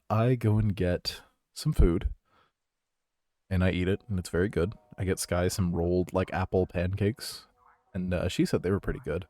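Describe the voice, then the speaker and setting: A man hosting a casual podcast stream, telling a rambling story with jokes and hushed asides. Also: low-pitched, dry recording. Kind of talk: casual chat with live chat.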